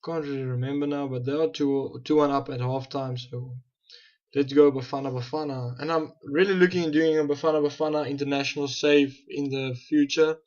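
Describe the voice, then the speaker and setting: In a dull-sounding recording, a young man with a South African accent speaks at medium pitch in a steady, darkish tone, a little fast. As a gaming channel host he gives relaxed commentary on his football management game, musing aloud with restarts and self-corrections.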